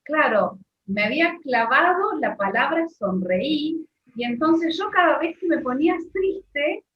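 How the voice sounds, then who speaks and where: A woman's voice: high voice, expressive, a little slow, reverberant, far from the mic, dull audio, a little hiss or hum. A woman in her fifties interviewing, sharing a personal story in casual conversation.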